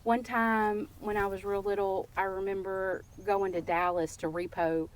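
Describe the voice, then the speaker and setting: A woman from Texas, a podcast guest telling casual, playful stories in a lively way. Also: mid-range voice, a little slow. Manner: lively, playful and warm-humored. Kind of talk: casual storytelling.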